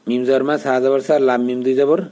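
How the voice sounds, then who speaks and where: A man with a dark, medium-pitched voice and little pitch movement teaches Quran recitation. He patiently spells out each letter and vowel mark, repeats syllables slowly, and offers pronunciation pointers.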